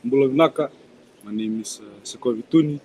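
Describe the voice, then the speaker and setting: A man from Fiji with a warm, mellow voice introduces himself to the group. He speaks politely and pauses often with "uh". His talk is plain and grateful in tone. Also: medium pitch, a little hiss or hum, low-quality recording. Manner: hesitant, polite. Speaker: professional dancer. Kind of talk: casual introduction.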